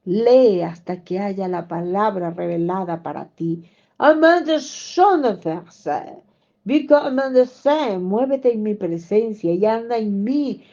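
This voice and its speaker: A woman preacher leading prayer during a fast, fervent and repetitive, who drifts into tongues and voices God's replies. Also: medium pitch, lively intonation, warm tone. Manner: fervent, repetitive, slips into tongues and speaks as God. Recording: dull lo-fi sound.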